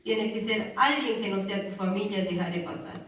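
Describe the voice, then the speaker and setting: A woman's voice: mid-range voice, moderate pace, a bit bright. A woman earnestly giving a religious testimony to a congregation, calling her listeners brother and sister. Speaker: church member giving testimony. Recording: very echoey hall, far from mic, faint music.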